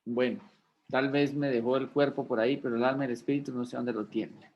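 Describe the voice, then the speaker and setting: A man's voice: mid-range voice, steady tone, a little fast, lo-fi sound. A man, a pastor teaching a class in a conversational sermon style, often checking in with rhetorical questions. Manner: folksy, asks rhetorical questions of listeners.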